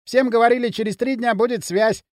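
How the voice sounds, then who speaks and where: A man voicing an excitable young lad telling a story in a lively rush. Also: very high voice, brisk, no room sound, clean studio sound, pitched above the performer's own voice. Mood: animated.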